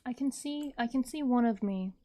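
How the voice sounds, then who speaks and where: A streamer, artist and ASMR creator chats casually with her livestream viewers, rambling and repeating herself. Her voice is a little high and mellow, at a normal speed.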